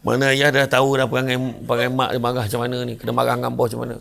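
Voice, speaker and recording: A man's voice: mid-range voice, rapid-fire, vocal fry. An older man with a Malaysian Malay accent giving a humorous sermon, telling stories and acting out the characters. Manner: lively storyteller who acts out characters. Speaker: religious lecturer. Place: lecture venue.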